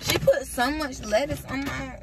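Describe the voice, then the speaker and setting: A young woman vlogging from inside a car, teasing her mother and chewing loudly between words. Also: high-pitched, steady tone, measured pace. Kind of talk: casual vlog chat. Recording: noisy car recording.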